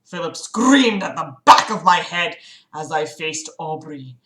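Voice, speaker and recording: In an echoey room, a woman with a low, animated, fairly bright voice takes her time as she ridicules a book she's reading on her livestream. She peppers the reading with exasperated, sarcastic asides to chat and swears casually.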